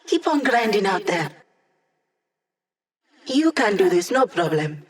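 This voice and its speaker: A woman's voice: mid-range voice, sing-song, slow. An actress playing an upbeat, wry female hacker who gives a squad mission support in a video game, with playful, teasing, casual delivery. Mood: encouraging.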